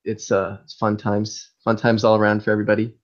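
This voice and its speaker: A young man born in Chile chats as a podcast guest in a loose, easygoing way. His lowish voice comes through a dull, lo-fi call connection. He fills his sentences with "like" and "um". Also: fairly quick. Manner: relaxed, chatty, uses "like" often. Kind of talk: casual remote podcast chat. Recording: dull lo-fi remote call audio.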